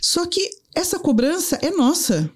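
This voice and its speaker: Brazilian woman, talk show guest, animated storytelling, voices quoted dialogue. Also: very high-pitched, unhurried. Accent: Brazilian Portuguese. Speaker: guest, life coach and psychotherapist. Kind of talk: casual talk show conversation.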